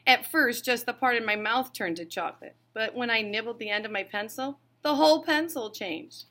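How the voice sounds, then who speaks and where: A woman's voice: a little high, moderate pace, a bit bright, natural voice. A woman voicing a sulky, self-pitying young schoolboy who protests reproachfully in a storybook.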